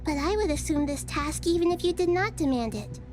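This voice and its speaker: An actress playing a gentle, earnest young goddess of wisdom in a game. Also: female voice, high voice, lively intonation, fairly quick. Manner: soft, earnest, composed.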